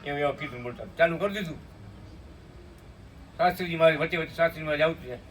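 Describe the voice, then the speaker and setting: Male preacher, narrates and chants slowly, voice set back from the mic. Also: fairly high pitch. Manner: tells a story, breaks into slow chanted hymn lines, asks listeners "hum?". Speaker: spiritual speaker at a satsang. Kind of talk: devotional storytelling sermon with sung hymns. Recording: distant mic with faint room noise.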